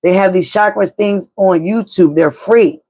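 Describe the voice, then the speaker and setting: A woman's voice: medium pitch, a little slow, a little mellow. A middle-aged woman giving a live tarot reading, talking straight to viewers in a blunt pep-talk way and swearing casually. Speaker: tarot reader.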